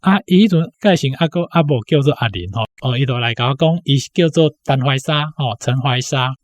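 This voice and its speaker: A man in his sixties, a university academic appearing as an interview guest, speaks briskly in a mid-range voice with a Taiwanese accent. He recalls personal memories in a casual way, often ending his phrases with small tag particles. Music plays in the background.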